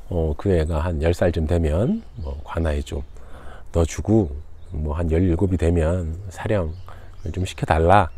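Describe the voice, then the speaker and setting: A man's voice: low-pitched, mellow. A man voicing a frightened male officer in a folktale, despairing and pleading.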